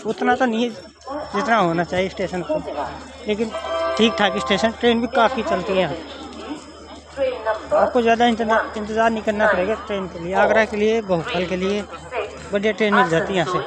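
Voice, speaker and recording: A man records a casual train vlog outdoors on a phone, talking in a high, easy voice. He drops friendly asides as he walks the platform. Loud crowd chatter surrounds him. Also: steady tone, brisk, long pauses, loud music behind the voice. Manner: chatty, says bhai and yaar often. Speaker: train vlogger. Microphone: handheld phone camera. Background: crowded platform with announcements.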